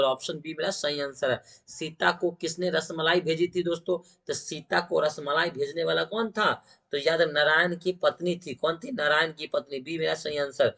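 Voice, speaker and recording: A man's voice: on the high side, gravelly, pushed and bright. A man with a Bihari Hindi accent teaching exam questions, repeating each answer back as a question to his viewers.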